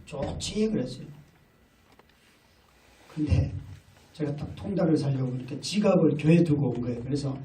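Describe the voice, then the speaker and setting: A man's voice: mid-range voice, moderate pace, pauses often, dark tone. A middle-aged male pastor preaching a sermon, telling stories and acting out family dialogue. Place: large hall at a retreat. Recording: echoey hall from far off with faint noise.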